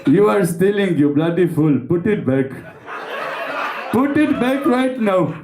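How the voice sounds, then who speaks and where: A man voicing a pompous male Indian Batman in put-on Indian English, slow and stilted, with mock-formal threats. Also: sits high, big pitch swings, reverberant, noisy background. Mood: scolding.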